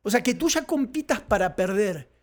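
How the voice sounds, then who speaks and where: A man's voice: high-pitched, lively intonation, normal speed. A man from Argentina, co-hosting a podcast and giving emphatic, opinionated views in casual chat, now and then swearing. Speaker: podcast co-host.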